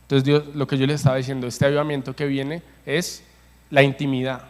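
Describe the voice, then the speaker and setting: A man's voice: medium pitch, flat delivery, a little fast. A man preaching a passionate sermon as pastor, repeating phrases for emphasis. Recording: long hall reverb.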